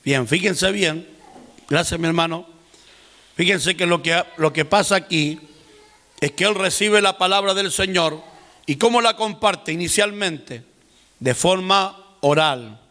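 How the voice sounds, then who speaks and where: A man's voice: high voice, unhurried, long pauses, fairly bright tone, big-room sound. A man teaching a seminar class, explaining patiently and speaking directly to his listeners. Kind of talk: classroom lecture.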